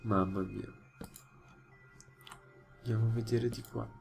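A man's voice: lowish voice, fairly even intonation, slow, gravelly, a little mellow, a little hiss or hum. A young man with an Italian accent commenting live on his gameplay, jumpy and easily startled, chatting to his viewers. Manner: jumpy, yelps when startled, talks to viewers. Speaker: gaming YouTuber.

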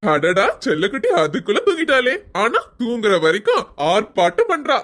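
Woman voicing a doting young husband, soothing baby talk, high lively sing-song voice. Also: moderate pace. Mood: coaxing. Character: doting young husband, soft-hearted and fussing. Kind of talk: cartoon serial voice acting.

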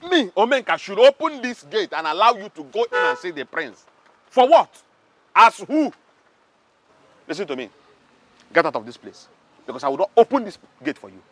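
An actor with a Nigerian accent playing a pompous, hot-tempered palace guard who is loud and scornful. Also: male voice, sits high, sing-song, moderate pace, long pauses, a little hiss or hum. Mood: angry scornful.

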